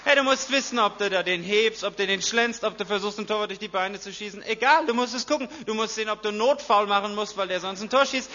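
High, bright-voiced lively preacher man. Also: fast, hardly any pauses, a faint crowd, a little hiss or hum. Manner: animated, acts out voices, swings from hushed to loud. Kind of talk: lively sermon. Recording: dull lo-fi sound.

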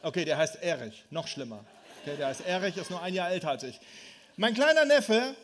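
A man in his thirties preaching a lively, humorous sermon, telling family stories and speaking directly to the congregation. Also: sits high, brisk. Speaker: pastor.

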